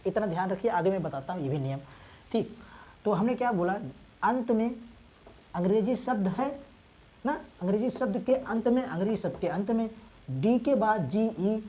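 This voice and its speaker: A woman teacher who is unwell and coughs now and then, explaining reading rules step by step, spelling letters out slowly and asking and answering her own questions. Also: mid-range voice, warm tone, poor audio. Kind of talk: English reading lesson taught in Hindi.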